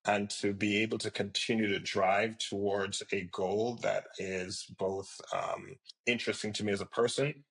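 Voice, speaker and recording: A middle-aged man from Jamaica with a very deep voice and a gravelly texture. He answers interview questions as a company founder. His speech is measured and reflective, dotted with fillers. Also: flat delivery, fairly bright tone, rough recording. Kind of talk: podcast interview.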